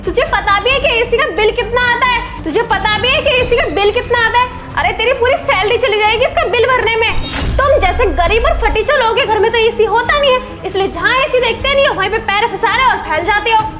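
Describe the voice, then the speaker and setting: Girl doing a bossy rich wife yelling at her driver, really high shrill voice. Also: fairly quick, over music. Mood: scornful. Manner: shrill, scolding, mocking. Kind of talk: amateur web drama acting.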